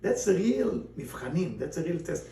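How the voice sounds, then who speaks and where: Animated rabbi in a roomy hall. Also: male voice, high voice, moderate pace. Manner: animated, non-native English grammar, mixes in Hebrew terms. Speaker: rabbi teaching a class. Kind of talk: Torah and Kabbalah lesson. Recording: roomy, distant mic, faint background noise.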